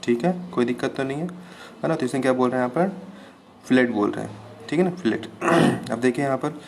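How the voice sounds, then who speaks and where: A male engineering lecturer speaks a gravelly, creaky voice at an ordinary pitch. He teaches patiently, repeating each term and stopping to ask if everything is clear. A faint background hiss sits under the recording. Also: a little fast. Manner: patient, repeats terms with "ठीक है, clear है" checks. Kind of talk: classroom lecture.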